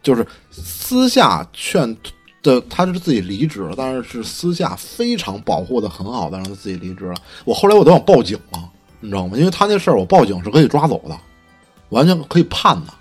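A man's voice: medium pitch, big pitch swings, a little fast, breathy edge, soft background music. A man co-hosting a casual podcast chat, telling stories in a heated, profane way and stumbling over restarts. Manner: stammering restarts. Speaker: podcast co-host.

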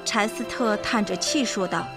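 Gentle woman reading a children's story. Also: mid-range voice. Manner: gentle, clear, measured for children. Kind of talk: scripted storybook narration. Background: faint music.

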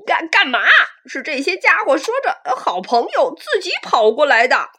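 A woman voicing a menacing male albertosaurus in a storybook, taunting and loud. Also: high voice, sing-song, moderate pace, pitched above the performer's own voice, full character voice. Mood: flustered. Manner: taunting, then flustered.

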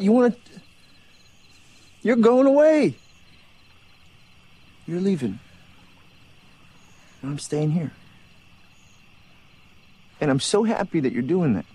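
A man's voice: high voice, sing-song, unhurried, long pauses, warm tone, exaggerated voice. An actor playing a humble young working-class man who speaks earnestly and with resignation. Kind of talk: film dialogue.

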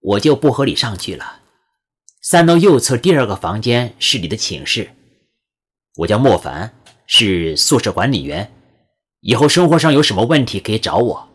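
Young male dorm manager, plain instructions, husky, narrator voicing. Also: on the low side, sing-song, normal speed. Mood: matter-of-fact.

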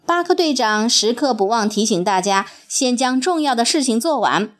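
A woman narrating a children's story in an expressive, sing-song storytelling manner. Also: fairly high pitch, moderate pace.

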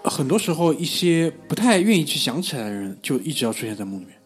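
A man with a husky voice chimes in with blunt jokes and teasing during a casual podcast chat. His intonation moves around a lot, and faint music plays behind him. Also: fairly high pitch, very animated, fast talker. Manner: teasing interjector who swears bluntly.

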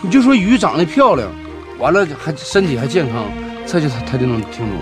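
A folksy country boss who jokes in plain, earthy terms. His voice is a little high and lively, with music underneath. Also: a little fast. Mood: teasing. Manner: folksy, teasing, plain-spoken. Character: folksy male rural business boss, blunt joker. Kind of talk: TV series acting.

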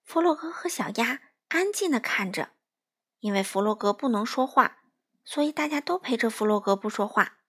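A mother reads a picture book to children in a gentle, slow, sing-song way. Her voice is fairly high and breathy and swings widely in pitch. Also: animated. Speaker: storyteller, a mother. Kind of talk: children's story reading.

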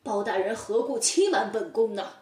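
A man's voice: sits high, animated, normal speed, a little mellow. An arrogant, blustering young nobleman, as a woman storyteller puts him on, haughty in a children's storybook telling. The voice swings up and down a lot and sounds echoey and distant.

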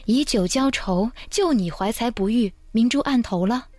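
A woman's voice: mid-range voice, animated, normal speed, darkish tone, dry recording. A woman voicing a stern, caring young female shopkeeper in a love story read aloud, speaking coolly and curtly. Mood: scolding. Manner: cool, curt, scolding.

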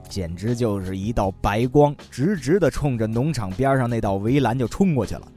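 Lively, playful male comic storyteller. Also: lowish voice. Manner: lively, playful, punchline-driven. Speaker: host and narrator.

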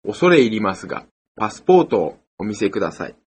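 A man's voice: lowish voice, sing-song, fast talker, a little mellow, breathy edge. A man playing a courteous hotel receptionist in a scripted language lesson, speaking very formal, ultra-polite honorific Japanese. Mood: courteous, attentive. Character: courteous male hotel receptionist serving a guest. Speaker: hotel front desk clerk in a textbook dialogue.

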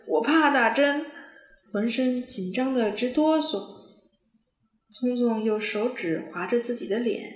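A woman reads a children's storybook aloud, clear and expressive. Her voice sits fairly high, and an echoey room rings around it.

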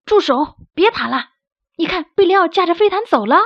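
A woman's voice: high voice, lively intonation, a little fast, a bit bright, dry recording. A woman voicing a chubby, greedy field mouse who boasts and makes threats. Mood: boastful. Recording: dry, slightly dull recording.

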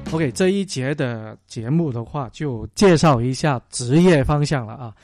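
A man hosting a finance talk show, asking questions in a slow, relaxed way with frequent fillers. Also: medium pitch, loud music behind the voice. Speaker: radio show host. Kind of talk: casual talk-show interviewing.

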